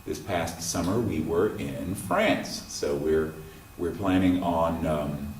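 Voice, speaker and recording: A college music professor speaks in a low, unhurried voice, choosing his words with frequent pauses and ums. He is picked up from some distance in a roomy, echoing space. Faint ambient noise sits behind him. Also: expressive, darkish tone. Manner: measured, pausing often with ums. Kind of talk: interview monologue. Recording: roomy sound from a distant mic.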